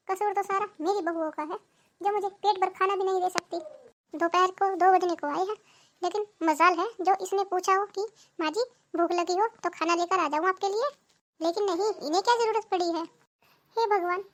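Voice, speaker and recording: A woman's voice: extremely high pitch, a bit bright. A woman voicing a self-pitying old widowed mother-in-law in a cartoon, complaining and lamenting. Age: older. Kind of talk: cartoon voice acting.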